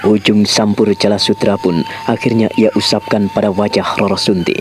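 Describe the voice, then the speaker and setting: A man narrating a radio drama in a measured, dramatic storytelling manner. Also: on the low side, level tone, noisy background. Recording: radio drama with loud music behind.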